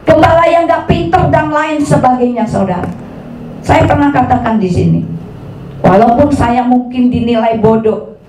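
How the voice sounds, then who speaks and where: A woman pastor preaching a lively sermon, dropping into slang and acting out the voices she quotes. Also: sits high, echoey room, distant mic, slight background noise, rough recording. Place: church hall.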